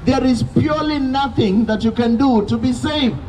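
This Kenyan street preacher has a high but darkish male voice and keeps a moderate pace. Standing on a pavement next to traffic, he preaches insistently and repeats himself into a handheld mic connected to a portable speaker. The clip is recorded from afar, with street noise all around.

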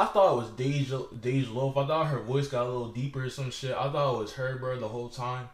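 A man's voice: fairly high pitch, fairly bright tone, echoey room. A young man vlogging an angry, profane rant to the camera, repeating himself as he goes.

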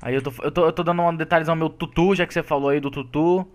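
Male gamer, fairly high voice, rapid-fire, joking at his own expense. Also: fairly even intonation. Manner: joking, self-deprecating, talks to viewers. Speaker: gaming video co-host. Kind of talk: casual gameplay chat.

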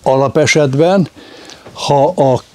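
A man's voice: a little high, a little mellow, slight background noise. A man giving a lecture on speech intonation, demonstrating example questions aloud.

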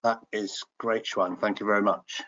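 A man's voice: lowish voice, level tone, moderate pace, fairly bright tone, slight background noise. A middle-aged man moderating an online panel through a headset on a video call. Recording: slightly dull video-call audio.

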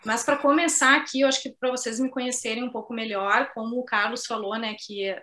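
A woman's voice: fairly high pitch, steady tone, bright, forceful tone. A middle-aged woman from southern Brazil, a poet chatting at her online book launch and reading her poems, often tagging her sentences with little questions. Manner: chatty, sprinkles tag questions, reads poems slowly. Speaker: poet and author. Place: home office on a video call.

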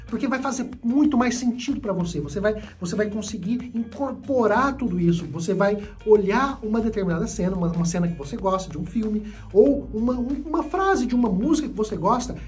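A woman's voice: medium pitch, lively intonation, brisk, hardly any pauses, darkish tone, soft background music. A Brazilian woman teaching English whose first language is Portuguese, explaining at length with many repetitions and restarts. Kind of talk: online English lesson.

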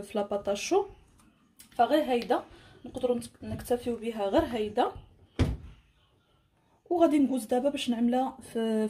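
A woman's voice: a little high, noisy background. A woman with a Moroccan accent narrating a casual cooking tutorial as a home cook, explaining and rephrasing each instruction. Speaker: home cook presenting a recipe.

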